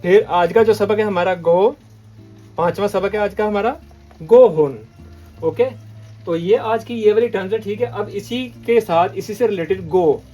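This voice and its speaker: A man's voice: high voice, unhurried, warm tone, faint music behind. A man from Pakistan teaching a language lesson, repeating words and often checking in with the listener. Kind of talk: patient classroom lesson.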